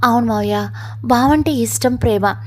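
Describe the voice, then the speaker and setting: A woman's voice: a little high, moderate pace, close to an everyday voice. A woman voicing a lovesick young woman who speaks plaintively.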